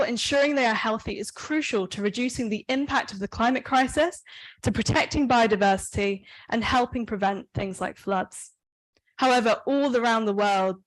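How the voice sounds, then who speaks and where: A woman's voice: a little high, rough recording. A woman moderating an event, delivering a scripted introduction in an orderly presenting manner.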